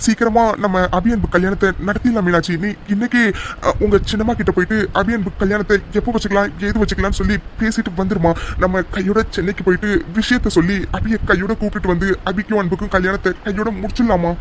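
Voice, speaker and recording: A man voicing a middle-aged village husband and father in a cartoon serial, earnest and calming. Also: high-pitched, quick pace, slight background noise, close to an everyday voice.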